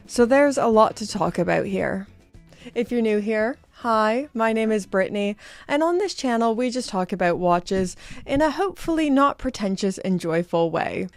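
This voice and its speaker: A young woman with a Canadian accent talks through a watch review in a chatty, upbeat way. She pokes fun at herself as she goes, in a casual host voice of middling pitch. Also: a little mellow. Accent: Canadian English. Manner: chatty, self-deprecating, upbeat.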